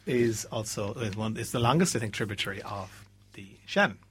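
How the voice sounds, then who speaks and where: A man's voice: lowish voice, lively intonation, brisk, slightly rough. A man with an Irish accent presenting a quiz in a casual way as its host.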